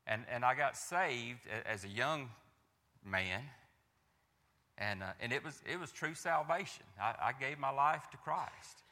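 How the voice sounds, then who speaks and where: Gravelly Southern man sharing his testimony. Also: medium pitch, lively intonation, unhurried, pushed and bright, in a large hall. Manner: earnest, repetitive, with frequent restarts and rhetorical questions.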